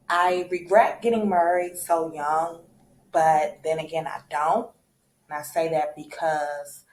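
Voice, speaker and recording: A woman's voice: sits low, darkish tone, reverberant, a little hiss or hum, low-quality recording. A woman in her thirties telling a candid, reflective personal story in a casual storytime vlog. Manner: candid, reflective, many fillers and restarts.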